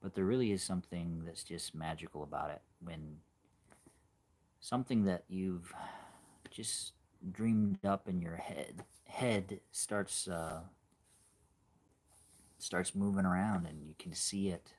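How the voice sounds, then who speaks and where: A man in his forties chatting casually on a livestream, musing in a halting way and trailing off softly at times. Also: low-pitched. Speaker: animator hosting a livestream.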